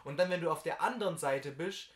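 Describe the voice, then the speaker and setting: A man's voice: a little high, fairly quick. A young man chatting casually on a podcast, explaining things in a matter-of-fact way. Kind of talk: casual chat. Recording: echoey room.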